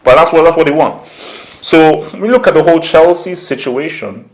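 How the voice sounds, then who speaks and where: A football YouTuber hosting his channel gives casual, opinionated commentary that is slangy and conversational, repeating points for emphasis and acting out imagined quotes. His voice is fairly high and at normal speed, and the audio is poor.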